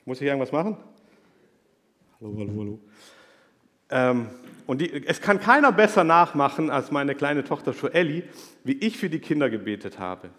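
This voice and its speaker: A man giving an emotional church testimony into a handheld microphone, confessional and earnest, dropping to a hush and then rising loud. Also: medium pitch, very animated, normal speed, pauses often. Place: church hall. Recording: long church hall reverb.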